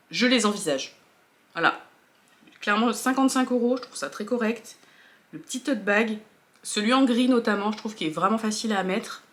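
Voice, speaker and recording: A woman vlogger chatting casually to camera about luxury goods, with many fillers and restarts. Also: medium pitch.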